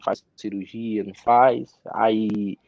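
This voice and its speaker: A young man, a professional footballer, telling his story as an interview guest in a halting way, repeating words and restarting. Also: on the low side, steady tone, vocal fry, darkish tone, no echo. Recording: dry, slightly dull audio.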